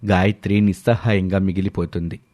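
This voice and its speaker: A man narrating a scripted story in a steady, matter-of-fact way. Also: low-pitched, a little fast, no echo, clean studio sound.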